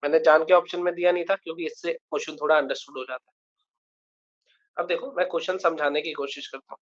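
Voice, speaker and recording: A man's voice: fairly high pitch, steady tone, fast talker, muffled recording. A male math teacher giving a live online lecture, explaining a problem step by step and often checking that students follow.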